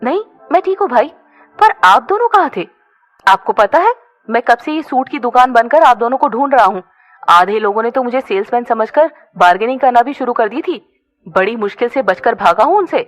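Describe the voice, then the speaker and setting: A woman's voice: a little high, animated, a little fast, lightly acted. A woman voicing a cocky, playful young man who teases his friends and boasts. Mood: teasing. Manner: boastful, teasing banter. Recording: dull lo-fi recording.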